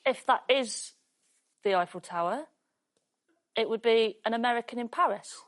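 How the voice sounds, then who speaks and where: A woman playing on a quiz show, eagerly working through her answers out loud. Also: fairly high pitch, normal speed, a little hiss or hum. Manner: eager, thinking aloud. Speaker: quiz contestant. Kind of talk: game show banter.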